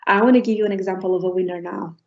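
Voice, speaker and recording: A middle-aged woman from Portugal giving an academic lecture as a professor, pausing often on ums and restarting her phrases. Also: medium pitch, steady tone, a little mellow. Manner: hesitant, many ums and restarts. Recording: dull lo-fi recording.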